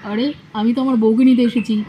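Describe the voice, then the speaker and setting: A woman's voice: fairly high pitch, fairly even intonation, a little fast, mellow, a little hiss or hum, natural voice, low-quality recording. A woman voicing a cheeky young man who comes to fetch his bride in a doll vlog drama, talking in a teasing, playful way.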